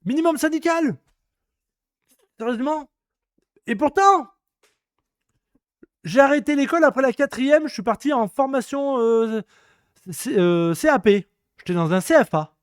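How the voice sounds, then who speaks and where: High-voiced guy about 30 from france, ranting all fired up, crude slang, very dry close sound. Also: animated, measured pace, long pauses, no room sound. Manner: indignant, crude slang, repetitive. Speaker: streamer hosting a free-talk show. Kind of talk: casual ranting monologue.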